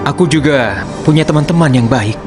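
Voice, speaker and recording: A man's voice: fairly high pitch, expressive, moderate pace, music in the background, close to an everyday voice. A man dubbing a sincere, grateful hero in a superhero film. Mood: heartfelt. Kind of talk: dubbed superhero film acting.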